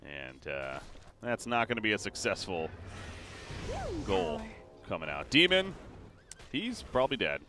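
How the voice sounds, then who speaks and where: A man casting a live competitive video game match, calling the plays quickly and getting excited at the big moments, with frequent fillers and restarts. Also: deep voice, music in the background. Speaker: esports caster.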